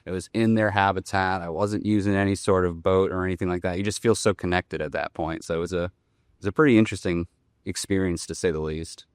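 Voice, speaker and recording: A man with a low, smooth, resonant voice recounts a fishing trip with real enthusiasm. His delivery is lively and storytelling. The recording is dry and close. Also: quick pace, no echo. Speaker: guest angler. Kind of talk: casual storytelling.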